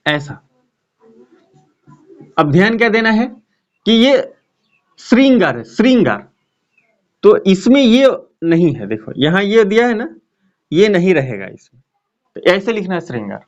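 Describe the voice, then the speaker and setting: A man's voice: sits high, darkish tone, dull audio. A man teaching a grammar lesson at a board, explaining in a chatty way and checking in often with his students. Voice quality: talks in a chatty explaining way with frequent check-ins.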